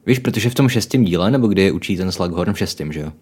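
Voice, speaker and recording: A man's voice: low-pitched, lively intonation, a little mellow, slightly rough. A young man from the Czech Republic co-hosting a casual book chat, musing aloud with jokey asides. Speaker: podcast co-host.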